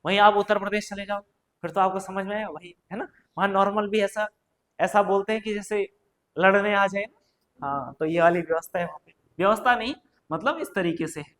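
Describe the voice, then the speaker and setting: A high-voiced man teaching an exam-prep class. He keeps asking the class questions and answering them himself, peppering his lesson with little checks like "right?". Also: fairly quick, a bit bright. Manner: questions then answers himself, frequent "ठीक है" and "है ना". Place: coaching classroom or studio.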